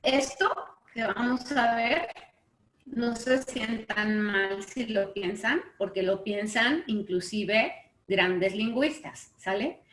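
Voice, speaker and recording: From home, a woman with a Mexican Spanish accent teaches an online literature class, constantly checking in with students through quick questions. Her voice is on the high side and a bit bright, recorded in an echoey room.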